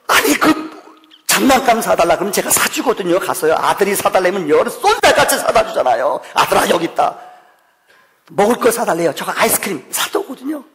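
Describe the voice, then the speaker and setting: A middle-aged man preaches a Thanksgiving sermon with a high, gravelly voice. He tells stories animatedly, jumping from loud bursts to near whispers and acting out quoted voices. The sound rings with the long reverb of a church hall. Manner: lively storytelling with sudden loud and soft swings; acts out quoted voices of his son. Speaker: pastor. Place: church sanctuary.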